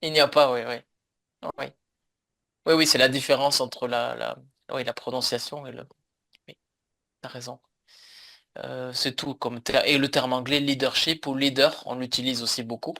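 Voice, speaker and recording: A man's voice: medium pitch, steady tone, normal speed, vocal fry, pauses often, bright, forceful tone. A man teaching a French lesson over a video call, explaining patiently with many fillers and repeats. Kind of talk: online language lesson.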